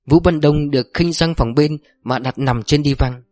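A man narrating an audiobook story in a steady storytelling manner. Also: a little high, moderate pace, no echo.

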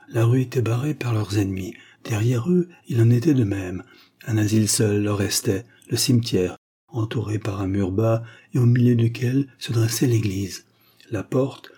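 Dark, husky male audiobook narrator. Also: lowish voice.

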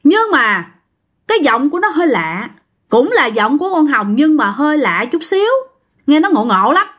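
A woman's voice: high voice, moderate pace. A woman telling a ghost story to her listeners, acting out the voices of the people in it. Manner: lively, acts out the quoted voices. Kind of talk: storytelling to an audience.

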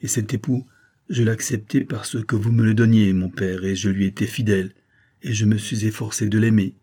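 A man's voice: on the low side, steady tone, normal speed, mellow, husky. A man voicing a devoted young noblewoman who pleads with her father in an audiobook. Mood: pleading. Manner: pleading, earnest.

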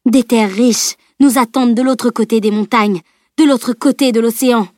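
A woman's voice: a little high, steady tone, normal speed, a little mellow, no room sound, clean studio sound, pitched above the performer's own voice, lightly acted. A woman voicing a dying, power-mad female sorceress who spits contempt and hatred in an audiobook reading. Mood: grandiose. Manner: spitting venom, grandiose and contemptuous.

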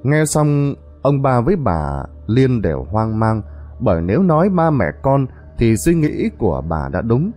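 A man narrates a horror story in a mellow, warm voice, building suspense. His pitch moves expressively up and down. Faint music plays underneath. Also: big pitch swings, a little slow.

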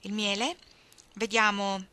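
A woman reads a sun-worn old woman who sells honey by the road, folksy and full of tall tales. She teases with a bright, lively tone, playing her fibs with a straight face. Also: mid-range voice, slow pace, clear, resonant tone. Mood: teasing. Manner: teasing, folksy tall-tale telling. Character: chatty old Southern woman selling at a roadside stand.

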